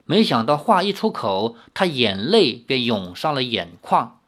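Expressive novel audiobook narrator. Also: mid-range voice, unhurried.

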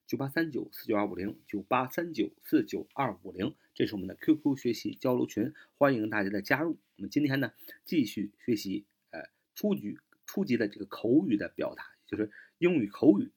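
A man whose first language is Chinese, teaching a spoken English lesson and slowly repeating and spelling out English phrases. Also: mid-range voice, animated, a little mellow, breathy edge.

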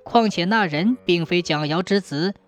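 A woman's voice: lowish voice, moderate pace, faint music behind, voice pushed down, natural voice. A woman voicing a jovial, greedy male emperor who laughs and teases his officials. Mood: playful regal. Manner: laughing, mock-regal. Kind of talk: storytelling with acted dialogue.

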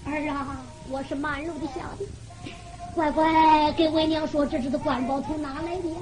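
A woman's voice: high-pitched, fairly even intonation, normal speed, over music, voice pushed down, natural voice. A woman voicing a poor, blind, elderly mother who frets and weeps, speaking with a Henan accent in a sobbing, sing-song storytelling manner. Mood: pleading.

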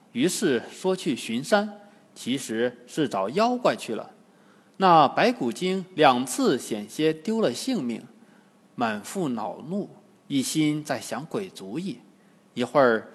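A man narrating a classic tale in a slow, expressive storytelling manner. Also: on the high side, breathy edge. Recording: long hall reverb.

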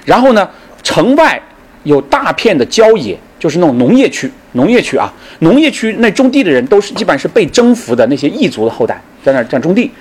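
A middle-aged man giving a public history lecture, telling the story in a lively way, acting out the people in it and asking the audience questions. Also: sits high, fast, breathy edge.

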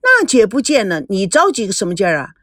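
A woman's voice: medium pitch, wildly swooping pitch, fast talker, a bit bright, dry recording, clean studio sound. A woman voicing a glib, cheeky young woman who teases and huffs. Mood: sassy. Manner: glib, teasing, huffy. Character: sharp-tongued young woman, cheeky and meddling.

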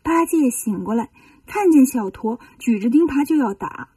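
A woman storyteller reading a children's story in a lively, expressive way. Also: high-pitched, normal speed, husky, dry recording, distant mic.

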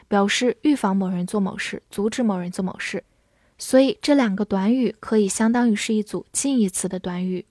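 Woman teaching english words, spells them out letter by letter, slow careful example readings, dead dry sound. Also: mid-range voice, mellow, no echo. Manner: clear, patient explaining. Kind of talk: scripted vocabulary lesson.

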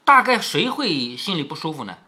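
A man reading a classic novel aloud to his daughter, pausing to explain and asking her rhetorical questions. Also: fairly high pitch, big pitch swings, bright, forceful tone, breathy edge. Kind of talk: storybook reading with commentary.

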